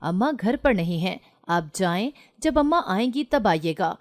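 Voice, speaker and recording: A woman narrator voicing an anxious but defiant young unmarried daughter in a storybook reading, insistent and sharp-tongued. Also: mid-range voice, lively intonation, natural voice. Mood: angry. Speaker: daughter in a read-aloud story.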